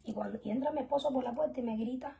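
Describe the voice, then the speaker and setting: A young woman teaching an online religious class, earnest and emphatic, often dropping to soft whispered asides. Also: on the high side, racing, gravelly, slight background noise. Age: young adult. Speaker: spiritual teacher.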